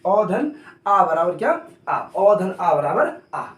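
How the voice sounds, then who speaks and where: A male coaching teacher leads a grammar lesson in class with a high-pitched, fairly bright, sing-song voice, taking it slowly. He keeps asking a question and then answering it himself, and he notes that he talks hurriedly. The recording has a roomy echo from a distant mic.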